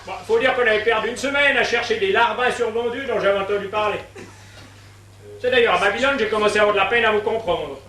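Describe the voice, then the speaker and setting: A man's voice: sits high, fast, sharp tone. A man playing a rambling, half-deaf old husband who mishears everything, in an amateur stage comedy. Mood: puzzled. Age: older. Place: theatre stage. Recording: echoey stage from far off, noisy.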